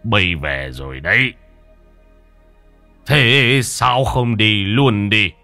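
Man voicing an old grandfather, gruff, scolding, slow, bright edge, dry recording. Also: lowish voice, expressive, no echo, faint music behind, full character voice. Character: stern old grandfather, wealthy household head.

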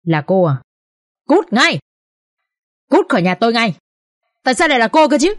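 A woman's voice: sing-song, brisk, no echo, studio quality. Woman voicing a shrieking furious mother. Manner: shrill screaming scolding. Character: furious scornful middle-aged mother.

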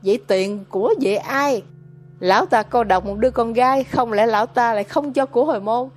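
A woman reader brings to life a greedy old village mother with a loud, scolding voice set a touch high. She is harsh and volatile, a storybook figure who turns on her son as fast as she fawns over him. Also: soft background music, natural voice. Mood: scheming.

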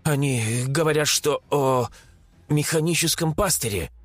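Guy doing a jumpy young psychic girl, hurried and a bit husky. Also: fairly high pitch, no echo, faint music behind. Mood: anxious. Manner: hurried, nervous reports. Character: anxious young woman, a psychic sister. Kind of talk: audiobook character voice.

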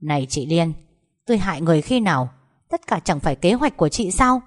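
A woman's voice: lowish voice, very animated, fairly quick. A woman voicing a haughty, arrogant young woman who answers back with insults. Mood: defiant. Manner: insulting, defiant.

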